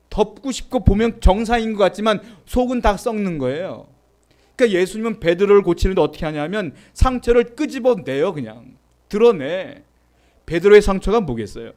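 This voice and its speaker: A man's voice: high voice, a little mellow. Man preaching with questions. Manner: conversational preaching with rhetorical questions; reads scripture aloud with the congregation. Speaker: pastor. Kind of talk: sermon.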